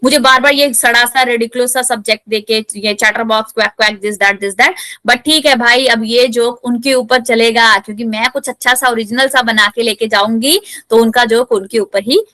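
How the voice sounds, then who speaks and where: Bright, sharp-toned woman teaching a class lesson, playful asides, slow careful reading of text. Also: a little high, no echo. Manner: explains in Hindi, reads English text slowly; lively, playful asides to students. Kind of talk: chapter explanation lesson.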